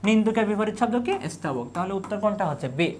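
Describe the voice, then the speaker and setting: A man's voice: high-pitched, lively intonation, fast, slight background noise. Man drilling exam answers in Bengali. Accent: Bangladeshi Bengali. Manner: drills students with repeated questions and answers. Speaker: university admission tutor. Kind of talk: exam-prep lecture.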